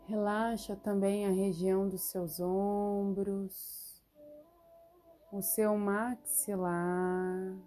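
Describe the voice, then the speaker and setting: A woman leading a guided relaxation meditation, giving soothing instructions with long pauses. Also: mid-range voice, flat delivery, dark tone, a little hiss or hum.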